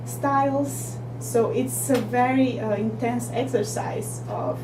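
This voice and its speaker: A young woman answers interview questions in a slightly high voice, thoughtful and halting, often restarting her sentences. She sits well back from the mic in an echoey room. A steady hum and noise run underneath. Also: distant mic. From Brazil. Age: young adult. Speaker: filmmaker guest.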